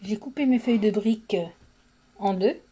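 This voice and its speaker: A woman, hoarse from a sore throat, talks casually and a little hesitantly through a step-by-step cooking tutorial. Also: mid-range voice, normal speed, warm tone. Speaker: home cooking vlogger. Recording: clearly noisy home recording with clicks.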